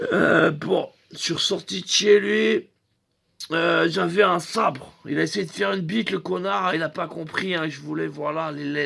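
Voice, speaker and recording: Guy rambling thru a crude funny story, high raspy voice. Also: fairly bright tone. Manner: rambling, crude, full of fillers and slang insults. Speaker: comedian. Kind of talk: comic storytelling monologue.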